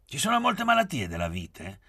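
A man's voice: mid-range voice, huge pitch swings, normal speed, pushed and bright, voice pushed up, heavily acted. A man voicing an eager, outspoken young man in a literary audiobook. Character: young man, lively city guest.

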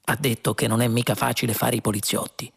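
A man voicing an exasperated male space traveler who shouts sarcastic replies in a storybook reading. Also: mid-range voice, flat delivery, fast, gravelly, husky, heavily acted.

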